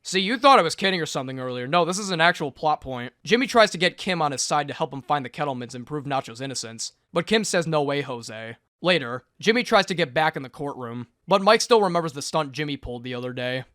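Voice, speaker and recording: A young man narrating a fast scripted recap with sarcastic, joking asides. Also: fairly high pitch, expressive, pushed and bright, no room sound. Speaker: video reviewer.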